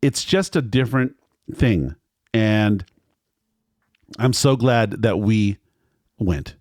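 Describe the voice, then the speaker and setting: A man's voice: fairly low pitch, slow pace, darkish tone, no room sound, studio quality. A man recounting a restaurant visit in a casual, rambling way. He repeats himself and acts out what the staff said. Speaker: restaurant reviewer.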